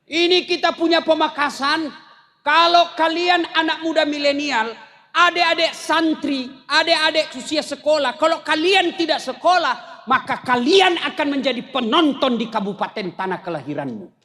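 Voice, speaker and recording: Comic preacher man, high voice, tells jokey stories to a crowd. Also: normal speed, bright, forceful tone. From South Sulawesi, Indonesia. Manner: storytelling with jokes, raises voice for punchlines. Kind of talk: humorous sermon to a crowd.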